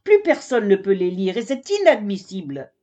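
A woman's voice: medium pitch, animated, a little slow, darkish tone, lightly acted. A woman voicing a strict, exasperated female giraffe librarian in a children's storybook. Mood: stern. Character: stern proper giraffe librarian, female adult.

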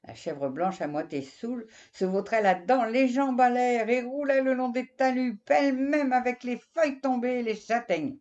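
A woman reading a story aloud in an expressive way, speaking straight to the listener. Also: on the high side, normal speed, hardly any pauses. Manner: expressive, addresses the listener directly. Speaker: narrator. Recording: dull lo-fi recording.

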